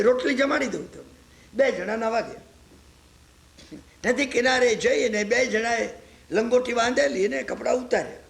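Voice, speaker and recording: Very high, gravelly-voiced man lecturing. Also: a bit bright. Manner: checks on listeners with constant rhetorical asides. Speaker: religious lecturer. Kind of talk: storytelling religious discourse. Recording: echoey lecture hall.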